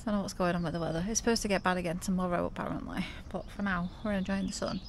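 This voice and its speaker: Racing along in a lowish, steady voice, a British woman in her thirties chats to camera from her camper van. She's slightly stuffy with a sore throat, laughs frequently and coos at her dogs. There's slight background noise.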